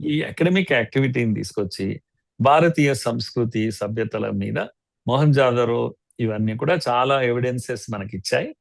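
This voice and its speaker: A man with a Telugu accent speaks as a guest commentator, lecturing with steady emphasis. His voice is gravelly with some fry in it. The sound is dry and close, with no room echo. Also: mid-range voice, normal speed. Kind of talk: studio interview.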